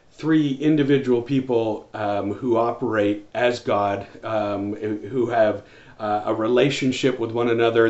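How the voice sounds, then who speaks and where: A man in his forties preaching a home church sermon to camera, earnest, with many restarts and fillers. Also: medium pitch. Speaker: pastor. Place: small room with wall shelves, indoors. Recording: roomy, slightly dull sound.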